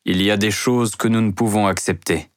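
A man's voice: on the low side, steady tone, moderate pace, dry recording, clean studio sound, lightly acted. A man playing a proud, passionate wealthy store owner who speaks sternly.

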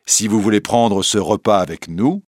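A man's voice: lowish voice, normal speed, no echo, studio quality, lightly acted. A man voicing a bold, generous outlaw who speaks with confident, mocking politeness. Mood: assured, mocking. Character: bold, generous male outlaw, young adult.

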